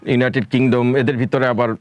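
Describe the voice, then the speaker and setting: A man's voice: medium pitch, flat delivery, fairly quick. A man from Bangladesh answering interview questions as a spoken English educator, talking emphatically and dropping English phrases into his speech.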